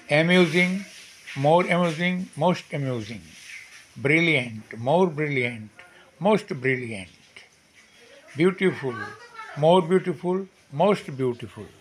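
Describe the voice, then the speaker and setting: A man's voice: on the high side, a little hiss or hum. A man with a Bengali accent teaching English grammar, reading each rule twice and then listing word forms one by one. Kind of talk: slow dictation-style grammar lesson.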